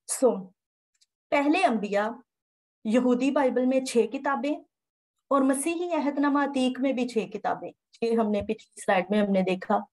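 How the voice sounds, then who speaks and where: A woman giving a methodical Bible lesson from slides, repeating key terms as she explains. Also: high-pitched. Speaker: Bible teacher. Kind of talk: slide-based lecture.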